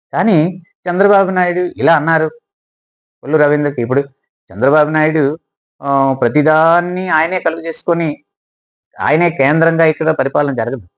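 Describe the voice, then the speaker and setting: Telugu-accented male commentator, slightly high voice, musing and questioning, halting with fillers. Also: rough recording. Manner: rhetorical questions, hesitant fillers. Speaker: political commentator. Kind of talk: political analysis monologue.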